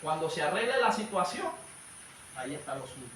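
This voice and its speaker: A man's voice: a little high, big pitch swings, a little fast, fairly bright tone. A man preaching a sermon at a church service, fervently addressing his listeners as brothers. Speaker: evangelist preacher. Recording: echoey hall, distant mic, faint noise.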